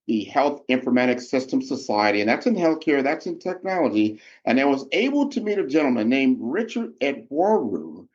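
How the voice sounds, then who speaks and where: Podcast host man, lively, slightly muffled. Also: on the high side. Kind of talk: conversational interview.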